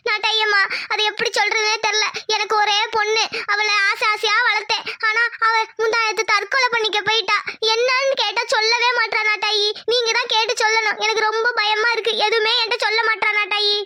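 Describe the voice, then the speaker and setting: A fretful village mother in a homemade cartoon, pleading for help, as a woman puts her on. The voice is extremely high and bright. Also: level tone, a little fast, few pauses, a little hiss or hum. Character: worried village mother, middle-aged woman.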